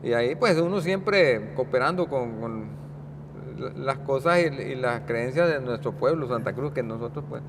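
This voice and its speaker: A man in his sixties from Guanacaste with a Guanacaste Costa Rican accent, a guest talking in a casual interview, rambling and halting with many restarts. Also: medium pitch, expressive, noisy background. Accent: Guanacaste Costa Rican Spanish. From Costa Rica, Guanacaste. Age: 60s.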